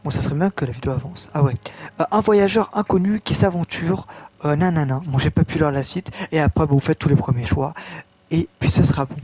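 A man's voice: fairly high pitch, fairly quick, darkish tone. A man casually commenting on a game walkthrough, correcting himself often, his voice getting tired. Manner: rambling, self-correcting, reads game text aloud. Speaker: gaming video host.

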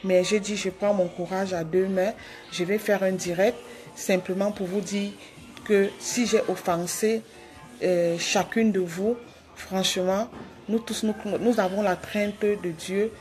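A woman's voice: mid-range voice, fairly even intonation, a little slow, darkish tone, faint music behind. A woman on a phone live stream, pleading with her followers, repeating herself with hesitant restarts. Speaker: livestreamer addressing her followers. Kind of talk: live video apology.

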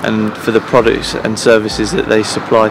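In a promotional interview to camera, a thirty-something head groundsman speaks from pitch side in an empty stadium against a noisy background. He sounds earnest but monotone and creaky, often pausing, using fillers and starting over.

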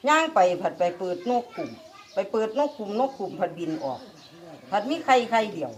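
An older woman with a thick Isan accent tells a story at a middle pitch, looping back over her words as she goes. She is speaking outdoors with a group of reporters around her. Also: moderate pace. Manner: rambling, repeats words, lively. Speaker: interviewee telling a dream. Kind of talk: casual storytelling.

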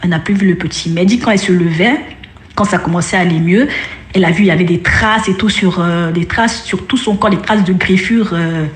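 A woman's voice: lowish voice, a little fast, a little hiss or hum. A woman casually telling a ghost story, hesitant, with many fillers and restarts. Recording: roomy echo.

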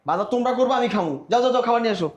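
An actor playing a lazy, spoiled young man who loudly and whiningly demands food. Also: very high-pitched, very fast. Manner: whiny, demanding, loud. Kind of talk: village family drama acting.

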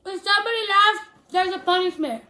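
A woman's voice: very high-pitched, a little fast, pushed and bright. A young adult woman bantering casually with her siblings at a table. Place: indoors, dining room at a table. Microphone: camera across the table. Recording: clear room noise, slightly distant.

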